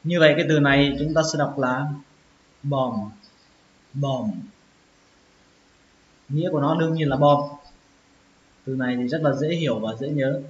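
A man giving a pronunciation lesson, sounding out each word slowly and repeating it several times. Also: medium pitch. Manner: slow, drawn-out repetition of words. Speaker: English teacher. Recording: echoey, dull lo-fi with faint hiss.

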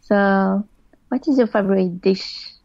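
A woman from Morocco talks very slowly and haltingly, pausing to find her words and giggling often. Her voice is mellow and comes through as dull, lo-fi audio. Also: medium pitch. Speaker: podcast guest. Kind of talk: casual chat. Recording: dull lo-fi sound.

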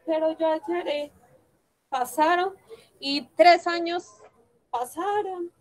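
A woman telling a fairy tale on stage, halting and correcting herself as she goes. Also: high-pitched, low-quality recording. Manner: halting, with frequent self-corrections. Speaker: storyteller.

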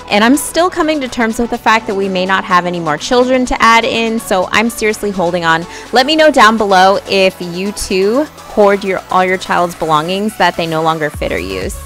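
A woman's voice: medium pitch, a bit bright. A young woman narrating her home cleaning vlog as a voice-over, talking to viewers in a friendly, direct way. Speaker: vlogger.

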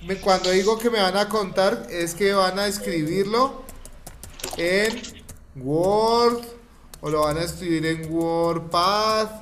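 Slow, patient teacher. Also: male voice, a little high, a little hiss or hum. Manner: patient, repeats steps slowly, coaxing. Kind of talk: online class instruction.

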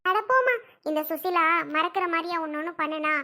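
A woman playing a hurt young wife, very high voice. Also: animated, brisk, bright, forceful tone, exaggerated voice. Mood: resentful. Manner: emotional, resentful, pleading. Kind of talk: village family drama skit.

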